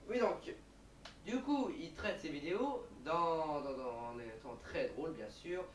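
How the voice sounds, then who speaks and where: Man, hesitant, stumbling repetitions, lively pitch, echoey room, far from mic. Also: a little slow, a little hiss or hum. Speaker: youtuber in his old video. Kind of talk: amateur video commentary.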